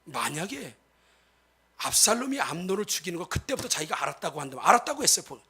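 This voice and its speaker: A male pastor delivers a lively sermon, turning to the congregation again and again and acting out everyday scenes. His voice sits high and swings widely in pitch, with a husky edge. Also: fast talker. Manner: animated, acts out quoted speech; addresses the congregation often.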